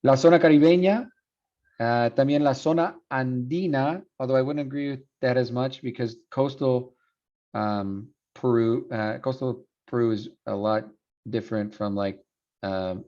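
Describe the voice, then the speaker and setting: A man's voice: medium pitch, slow pace, warm tone, highs cut off. A man teaching a university Spanish linguistics class, switching between Spanish and English, with many fillers and restarts. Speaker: Spanish professor. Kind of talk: university lecture.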